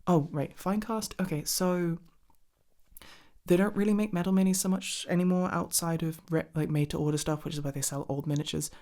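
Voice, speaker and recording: A woman's voice: fairly low pitch, steady tone, a little fast, warm tone. A woman rambling casually in an ASMR chat, enthusiastic and sweary, with hesitant, meandering delivery. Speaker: hobby ASMR content creator.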